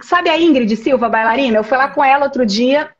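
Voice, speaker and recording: A woman from Brazil with a high, bright-topped voice tells classroom stories in a casual video call, animating every scene. The audio is slightly dull and lo-fi. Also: brisk. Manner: animated storyteller, acts out scenes. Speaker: host, university professor.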